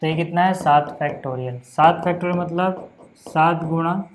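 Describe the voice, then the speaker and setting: A young man teaching a casual maths lesson, patient and chatty, checking in often and slowing down to count out each step. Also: a little high, a little hiss or hum. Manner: slows down to count out steps.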